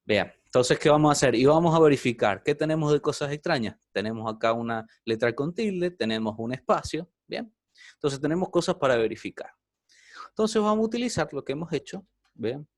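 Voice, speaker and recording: A man's voice: fairly high pitch, lively intonation, brisk, no room sound. Man, programming teacher, patient step-by-step explaining, dry close sound. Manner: explains step by step, often checks in with "¿bien?". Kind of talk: online programming class.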